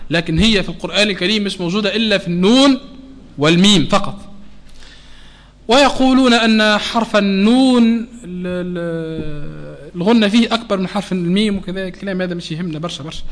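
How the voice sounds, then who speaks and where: A man with a Tunisian Arabic accent teaching a Quran recitation lesson to a class, often checking that students follow and slowing down to model sounds. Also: high voice, a bit bright.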